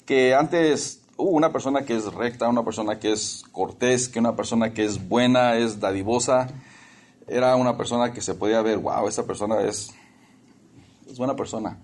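A man's voice: mid-range voice, normal speed, darkish tone. Conversational male preacher. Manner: conversational, repetitive, lightly humorous. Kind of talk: sermon.

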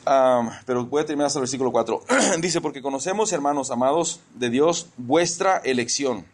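A man's voice: mid-range voice, fairly quick. A man preaching a conversational sermon in church, often repeating words as he searches for the next one.

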